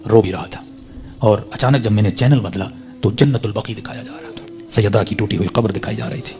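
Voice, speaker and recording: A man preaching, telling a religious story as a sermon in a dramatic way, his voice swelling on the emotional peaks. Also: fairly low pitch.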